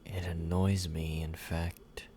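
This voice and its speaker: This ASMR roleplay features a man as a possessive male yandere vampire, obsessive and menacing, speaking deep and slow in a level tone. There's a slight hiss or hum in the audio, and the intimate, soft, controlling delivery slips into whispers.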